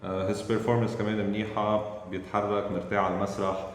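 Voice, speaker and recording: A man giving feedback as a talent show judge, switching between Arabic and English with pauses. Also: on the low side, level tone, heavy reverb, in a large hall, a little hiss or hum. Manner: mixes Arabic and English, fast with filler pauses.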